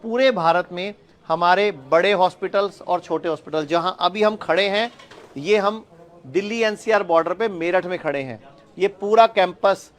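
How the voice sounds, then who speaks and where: A man giving an explanatory health talk to the camera from a hospital campus, restating each point in simpler words. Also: high voice. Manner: explanatory, repeats points with "yani ki". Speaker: health speaker.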